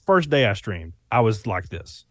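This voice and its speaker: In clean studio sound with no room ambience, this fairly low, sing-song, slightly bright voice belongs to a young YouTuber guest from Southern Alabama. He chats casually at a normal speed, rambling with plenty of fillers and restarts.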